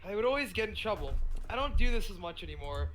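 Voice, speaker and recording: A man's voice: high-pitched, very animated, fast, a bit bright, a little hiss or hum, rough recording. A teenage boy co-hosting a podcast, telling a story in a rambling, self-interrupting way with frequent laughs. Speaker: podcast co-host. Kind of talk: casual chat.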